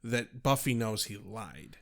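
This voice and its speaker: A man's voice: lowish voice, slow, creaky. A man co-hosting a podcast, talking bluntly and swearing often in casual chat. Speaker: podcast co-host.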